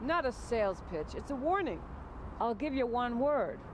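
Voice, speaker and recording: An actress playing a cool, stern nightclub doorkeeper in a video game, clipped and confident. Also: female voice, on the high side, sing-song, moderate pace, background noise. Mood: cool, warning. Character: cool, stern female club doorkeeper touting braindances. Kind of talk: video game character dialogue.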